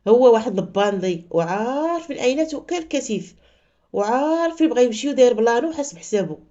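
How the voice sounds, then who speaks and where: A woman with a Moroccan accent narrating a story in an expressive storytelling style. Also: a little high, quick pace, muffled recording. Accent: Moroccan Arabic.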